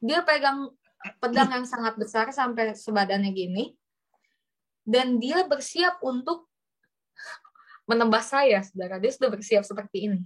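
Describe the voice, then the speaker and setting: A young woman preacher, giving a testimony sermon in an animated storytelling way and often addressing the congregation. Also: a little high, normal speed, long pauses.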